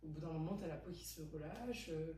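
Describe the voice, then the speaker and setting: A young woman in her twenties hosts a casual podcast chat, emphatic and full of questions. Her voice is a touch low and mellow. She sits back from the mic in an echoey room with a faint hum behind her. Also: fairly quick, recorded from a distance. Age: 20s. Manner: chatty, emphatic, asks probing questions. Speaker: podcast host. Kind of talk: casual conversation.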